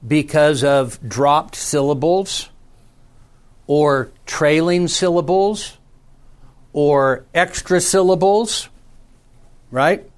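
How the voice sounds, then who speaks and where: Middle-aged pastor guy teaching a class, slow and deliberate, keeps saying okay? right?, pretty lively with his pitch. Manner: conversational, checks in with frequent "okay?" and "right?"; varies pitch and pace for emphasis. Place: church meeting room with a small class.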